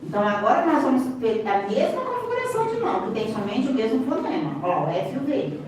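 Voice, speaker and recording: A high-pitched woman with a Brazilian Portuguese accent teaches at a live seminar. She keeps directing the audience's attention to the demonstration and drops in playful asides. Her voice rings through a very echoey lecture hall, picked up from a distance with faint room noise. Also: big pitch swings, fast talker, darkish tone. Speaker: seminar speaker and sign language interpreter.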